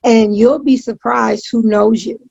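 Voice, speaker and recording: A woman chatting casually as an interview guest, speaking emphatically and repeating phrases for stress, with a gravelly, husky voice on dull, lo-fi audio. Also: fairly high pitch, steady tone, a little slow, warm tone, no room sound. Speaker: interview guest, pro wrestling announcer.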